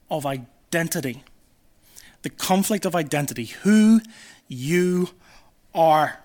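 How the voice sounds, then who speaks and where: A man preaching a sermon, emphatic and repeating his key phrases, shifting between hushed and forceful delivery. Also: fairly high pitch.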